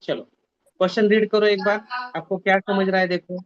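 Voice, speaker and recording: A man's voice: sits high, fairly even intonation, fairly quick, no room sound, highs cut off. Man teaching math in an online class. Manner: mixes Hindi and English, repeats instructions, scolds students to mute mics. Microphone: video call.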